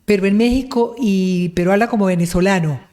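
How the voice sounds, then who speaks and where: A woman's voice: medium pitch, brisk, warm tone. Effusive woman hosting an interview. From Colombia. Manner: effusive, praising, religious phrases. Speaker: interview host. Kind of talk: warm online interview.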